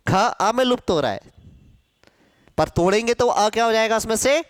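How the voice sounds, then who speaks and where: A male Hindi teacher giving a grammar lesson to a class, asking questions and answering them himself, sounding out syllables slowly. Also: high voice, expressive, clear, resonant tone, no echo, studio quality. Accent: Hindi, from central India.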